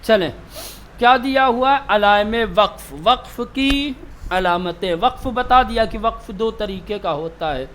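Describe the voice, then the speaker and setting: A man teaching tajweed in a classroom, asking his students questions and answering them himself, slowing down to repeat key terms. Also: high voice, a bit bright, a little hiss or hum. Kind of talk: classroom lecture.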